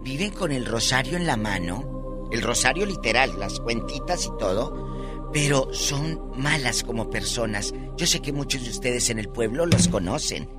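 A man's voice: medium pitch, lively intonation, moderate pace, over loud music, close to an everyday voice. A man voicing a sassy diva who lectures listeners in a dramatic, preachy manner.

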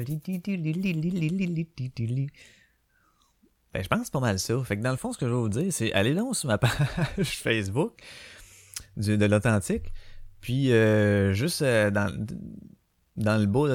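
Speaking into a small home microphone in his bedroom, a man with a Québécois French accent hosts a casual solo podcast, rambling with lots of fillers and restarts. His voice is medium-pitched, and the sound is studio quality with no room sound.

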